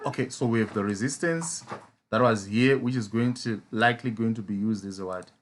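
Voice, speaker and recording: Speaking briskly in a fairly low voice, a man from Zimbabwe with a Zimbabwean English accent leads a live lesson on chart patterns. The trading mentor keeps firing off rhetorical "as a what?" questions, with a little hiss or hum audible.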